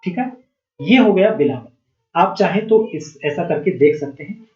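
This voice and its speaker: A man's voice: high-pitched, expressive, normal speed, a little mellow. Man teaching music theory, echoey. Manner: asks rhetorical questions and answers them himself. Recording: dull, echoey room sound.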